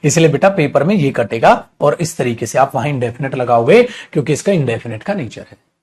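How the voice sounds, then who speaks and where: A male English teacher giving a live online grammar class, explaining with rhetorical questions, reading example sentences very slowly and calling the students beta. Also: medium pitch, lively intonation, a little mellow, breathy edge. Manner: addresses students affectionately as beta.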